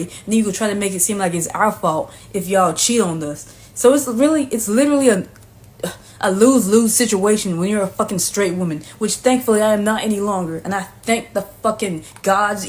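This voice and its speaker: Brash, profane woman ranting to camera. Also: medium pitch. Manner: brash, sassy and profane, often adds "okay?". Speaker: vlogger. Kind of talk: profane comedic rant to camera.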